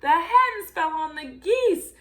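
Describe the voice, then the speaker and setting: Reading aloud to children, a volunteer storyteller uses her very high, bright voice in a lively, theatrical way that swings widely in pitch. She goes at an unhurried pace and draws out the important words.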